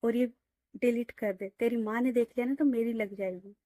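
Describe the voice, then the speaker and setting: Brief: a woman playing a teasing, proud father, middle-aged, mock-stern, low-key and mellow. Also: steady tone, normal speed, no room sound, studio quality, lightly acted. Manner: mock-stern, playful scolding.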